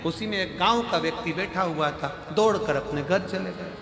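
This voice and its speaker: A man telling a comic devotional story at a live katha, lively and acting out the voices. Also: high-pitched, moderate pace, creaky. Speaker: katha preacher. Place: large hall, live event. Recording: echoey hall, faint music behind.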